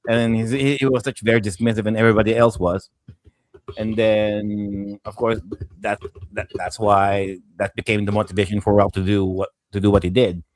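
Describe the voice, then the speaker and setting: A man with a lowish voice talks through a movie scene by scene on a casual podcast panel. He gets animated, acting out the characters and dropping the odd swear word. The sound is dry and close, with no room around it. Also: normal speed, no echo. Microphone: video call mic.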